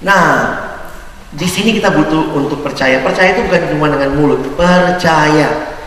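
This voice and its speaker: A man's voice: on the high side, a bit bright, slight background noise. A man giving a sermon-style Bible teaching to a fellowship audience, conversational and joking, telling stories as he goes. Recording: echoey hall, voice from far off.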